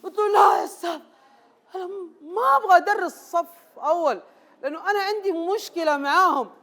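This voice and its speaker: A jittery, people-pleasing man, played by an actor on stage. He pleads and repeats himself in a notably high voice, with nervous laughter running through the theater monologue. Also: quick pace, a bit bright. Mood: exasperated storytelling. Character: anxious people-pleasing male ex-teacher.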